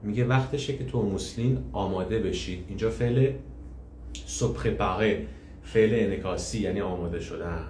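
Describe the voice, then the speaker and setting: Man, low voice, teacher, live online lesson, patient, repeats phrases, echoey room, faint hiss. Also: a little mellow. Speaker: French teacher.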